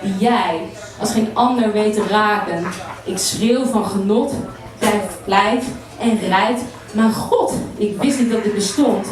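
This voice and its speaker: A woman's voice: mid-range voice, takes it slowly, crowd noise. Playful woman reciting poetry live. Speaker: performing poet. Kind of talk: erotic spoken-word poetry performance. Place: salon at a live poetry night. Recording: echoey room, mic from far off.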